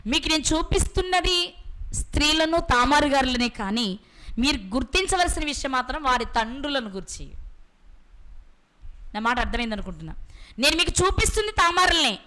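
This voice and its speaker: Woman preacher, high bright voice, asks the room questions and answers them, slows down on key words. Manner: slows down to stress words and scripture. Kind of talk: Bible sermon.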